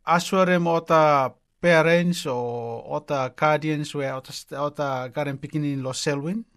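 A man's voice: fairly high pitch, steady tone, moderate pace, a bit bright. A man asking questions in as a radio interviewer. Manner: speaks Solomon Islands Pidgin.

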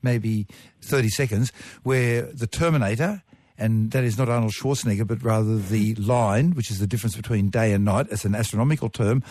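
A man's voice: on the low side, fairly quick, a little mellow, no echo, studio quality. A man answering callers' science questions on a radio call-in, playful and joking as he explains. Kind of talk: casual radio Q&A.

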